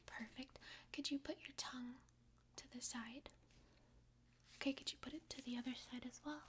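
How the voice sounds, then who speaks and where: A woman in a whispered role-play, playing a doctor and giving gentle, reassuring step-by-step instructions during an exam. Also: a little high. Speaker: ASMR creator playing a doctor.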